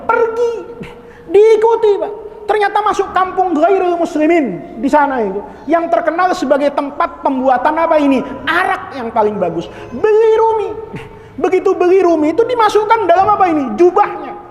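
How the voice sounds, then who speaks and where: Lively, joking male preacher with a high voice, echoey mosque hall. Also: normal speed. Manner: humorous, lively storytelling with laughs. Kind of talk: storytelling sermon.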